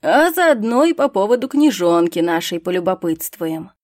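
A woman voicing a cocky, excitable young male mage in an audiobook, eager and teasing. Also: medium pitch, normal speed, dry recording, clean studio sound, close to an everyday voice. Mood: excited. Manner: eager, raised, mocking delivery.

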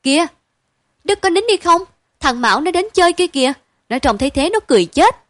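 Woman doing a brisk older sister. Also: sits high, lively intonation, no echo, pitched above the performer's own voice. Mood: coaxing. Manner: bright, brisk coaxing. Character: quick-witted teenage elder sister.

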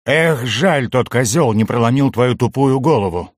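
A man voicing a loud, teasing male dwarf. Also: mid-range voice, lively intonation, normal speed, no room sound, studio quality, close to an everyday voice. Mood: grudging. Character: boisterous, mocking male dwarf.

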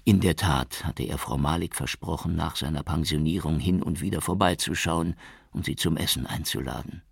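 A man narrates an audiobook in a very low, gravelly, husky voice, calm and measured. His telling is lively in pitch, and the sound is close and dry with no room. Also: no room sound. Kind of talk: scripted narration.

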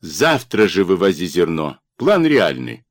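Male narrator voicing a curt, mocking party boss, low, dry voice. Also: sing-song, a little slow, dry recording, heavily acted. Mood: domineering. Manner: curt, domineering and sarcastic. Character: arrogant male party official, harsh and mocking.

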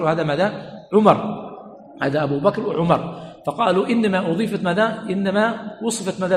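A man teaching a religious lesson who keeps asking "what?" so listeners finish his phrases, and repeats each key point. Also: on the high side. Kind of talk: Islamic study lesson. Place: mosque learning center hall. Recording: echoey hall, faint room noise.

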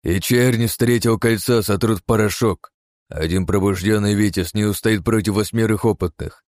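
A man voicing a furious, greedy aristocrat who shouts and snarls. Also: fairly low pitch, moderate pace, no echo, studio quality, natural voice. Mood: gloating. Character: furious greedy middle-aged male aristocrat.

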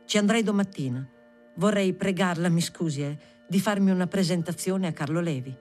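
A reader voicing a chatty, unperturbed young woman with a shrill voice and a pushy, rambling way of talking in an audiobook. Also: fairly quick, a little mellow, soft background music, close to an everyday voice. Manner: talkative, rambling, overly familiar.

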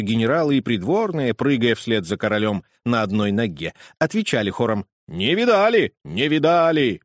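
A man narrating a storybook with an animated, theatrical reading. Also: medium pitch, dry recording, studio quality. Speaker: audiobook reader.

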